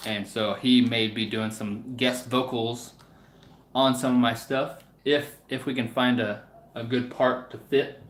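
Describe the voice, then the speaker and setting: A man with a medium-pitched, fairly monotone voice talks casually to his livestream viewers at an unhurried pace. He rambles hesitantly and often lets his sentences trail off. The room sounds spacious and echoey.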